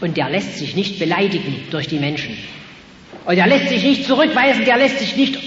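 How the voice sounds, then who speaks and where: A man preaching an evangelistic sermon, swinging between loud calls and quiet, earnest passages. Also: high voice, a little fast, slight background noise. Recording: echoey hall, muffled old recording.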